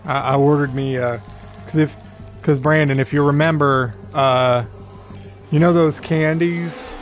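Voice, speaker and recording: A man's voice: on the high side, fairly even intonation, a little slow, faint music behind. A young man chatting casually to viewers and a friend while streaming a racing management game, rambling and easygoing. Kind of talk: casual live-stream chat.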